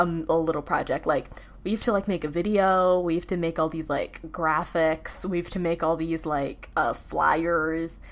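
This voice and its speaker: A teenage girl talks through her school days on her own podcast, loose and rambling, full of fillers and self-corrections. Her voice sits a touch lower than most girls'. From United States. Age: teens. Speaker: podcast host. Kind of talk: casual solo chat.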